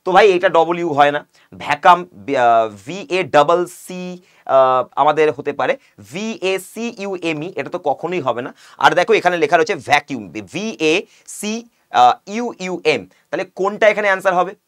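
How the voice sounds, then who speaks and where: A young male teacher with a Bengali accent explains exam English, reading questions out slowly and then asking and answering his own questions. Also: a little high, expressive, a bit bright. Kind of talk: exam-prep video lesson.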